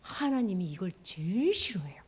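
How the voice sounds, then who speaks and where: A woman giving an animated children's sermon, quizzing the children as she retells the story. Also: mid-range voice, normal speed, breathy edge. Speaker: children's pastor.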